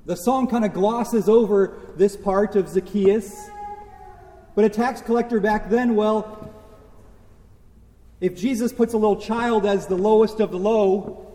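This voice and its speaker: A man with a high, mellow voice delivers a sermon from the pulpit. He talks in a conversational way, tossing in rhetorical questions and wry asides. The sound rings through a church with a long, echoing reverb. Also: measured pace, long pauses. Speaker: pastor.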